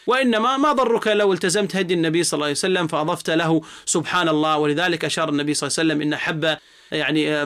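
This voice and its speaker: Fast, high-voiced man giving a religious lecture. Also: pushed and bright. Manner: earnest, didactic, frequent drawn-out "aah" fillers. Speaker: Islamic religious teacher.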